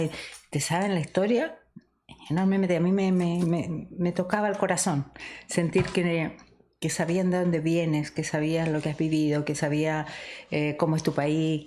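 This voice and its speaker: A middle-aged woman from Chile co-hosts a podcast and tells her memories in a reflective, conversational way. Her voice sits low, and she laughs easily as she talks. A faint hiss runs under the recording. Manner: warm, reminiscing, laughs often. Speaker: podcast co-host.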